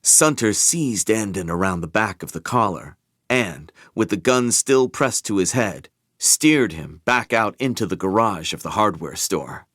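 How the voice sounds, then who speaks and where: A man narrating an audiobook in an animated, tense storytelling manner. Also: on the low side, no echo, clean studio sound.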